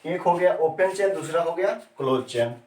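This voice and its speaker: A male chemistry teacher with a fairly high, darkish voice teaches a class at normal speed, repeating key terms and constantly quizzing students. The room is echoey, the mic sits far away, and there's a faint hiss or hum.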